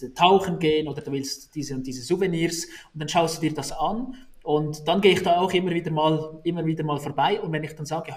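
A man, answering interview questions in a casual way, often restarting and repeating words while he thinks. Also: a little high. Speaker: negotiation expert guest.

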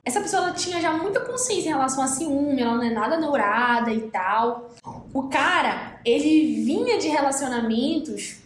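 A Brazilian woman with a Brazilian Portuguese accent co-hosts a casual podcast chat, her voice sitting high at a normal speed. She tells a story animatedly, acting out what people said, over roomy echo and faint noise.

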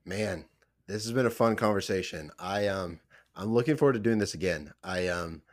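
Easygoing podcast host, lowish voice. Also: male voice, normal speed. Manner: relaxed, agreeable, lots of "yeah" and fillers. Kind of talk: casual podcast interview.

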